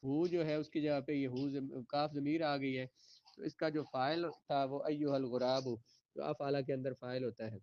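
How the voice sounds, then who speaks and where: A man teaching an Arabic grammar lesson, reading each sentence slowly and then translating and explaining it. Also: mid-range voice, steady tone, no room sound, dull audio.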